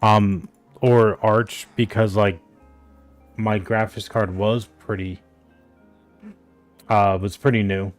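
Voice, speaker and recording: A man with a fairly low voice chats in a loose, rambling way as he plays a game and leans on "like" and "I think" all the time. He sounds unsure and hedges as he goes. Soft game music plays quietly behind him. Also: level tone, takes it slowly, pauses often. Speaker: gaming streamer. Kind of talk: casual chat while gaming.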